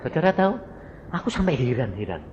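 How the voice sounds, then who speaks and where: A man's voice: medium pitch, big pitch swings, fast, darkish tone, a little hiss or hum. A middle-aged man preaching a storytelling sermon, acting out dialogue and addressing the congregation directly. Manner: storytelling, acts out dialogue, addresses audience as brothers. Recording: dull reverberant hall recording.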